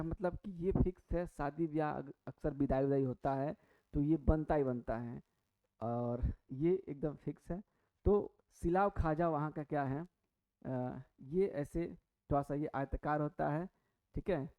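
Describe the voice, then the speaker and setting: A man teaching an exam-prep lesson, chatty, asking and answering his own questions with many fillers and restarts. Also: fairly high pitch. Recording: tinny phone-like audio.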